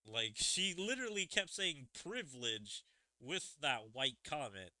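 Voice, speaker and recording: A man's voice: mid-range voice, big pitch swings, a little slow, bright, forceful tone, dry recording. A man reacting to a video in a casual, rambling way, filling his speech with "like". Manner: rambling, lots of "like" fillers. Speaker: reaction streamer.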